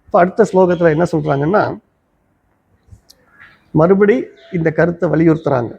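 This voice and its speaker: Tamil-accented male Vedanta teacher, high gravelly voice, dull lo-fi sound. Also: darkish tone. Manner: explains step by step, slowly chants Sanskrit verses. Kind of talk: spiritual discourse. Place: ashram teaching hall.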